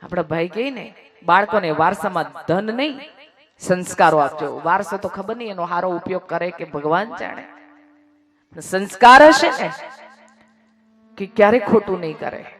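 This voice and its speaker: A woman narrating a devotional religious story in a sermon style, emphatic and pausing for moral asides to her listeners. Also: fairly low pitch, animated.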